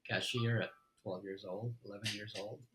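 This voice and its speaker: Man, middle-aged, from Egypt, interview guest, bright timbre, relaxed storytelling, fillers and restarts. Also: on the low side, normal speed, slight background noise, rough recording. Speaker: podcast guest, company CEO.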